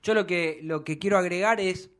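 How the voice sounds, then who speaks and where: A man's voice: high-pitched, moderate pace, fairly bright tone. A man with an Argentine Spanish accent hosting a football talk show, arguing his points emphatically and acting out quotes. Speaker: radio sports show host.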